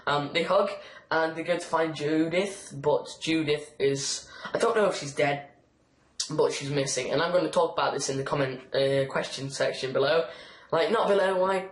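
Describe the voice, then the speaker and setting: A man giving a casual, rambling TV episode review on his channel, full of fillers and enthusiasm. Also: a little high. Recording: roomy echo.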